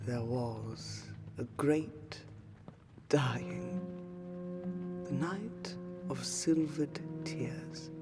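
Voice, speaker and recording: A woman with a low-sitting voice plays a slow, weary aristocratic lady vampire in an intimate monologue for a fantasy roleplay audio drama. Exhausted and pained, she uses formal archaic diction, speaking haltingly with sighs and slipping into breathy whispers over background music.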